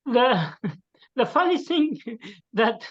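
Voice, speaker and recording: Over low-quality video call audio, a participant from Syria, a native Kurdish speaker, shares things casually. His very high-pitched, sing-song voice comes out slow and halting, packed with fillers and laughter.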